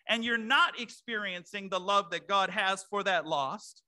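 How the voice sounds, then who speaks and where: A man's voice: sits high, measured pace, pushed and bright. A male pastor preaching a sermon to his congregation in a conversational way, with asides to the room. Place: church sanctuary.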